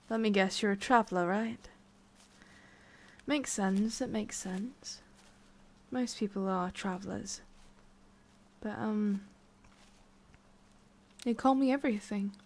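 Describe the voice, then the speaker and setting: A woman with a natural, medium-pitched voice plays a lonely, guarded immortal witch in an intimate ASMR roleplay. She speaks softly and often drops to a whisper, her mood both guarded and gentle.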